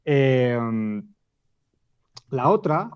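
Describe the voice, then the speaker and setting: Spanish male panelist, explanatory and hesitant, mid pitch, slightly muffled lo-fi audio. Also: expressive, very slow, clear, resonant tone. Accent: Spain. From Spain. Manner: explanatory, restates points, frequent hesitations. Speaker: debate panelist. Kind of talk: casual panel discussion. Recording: dull lo-fi audio.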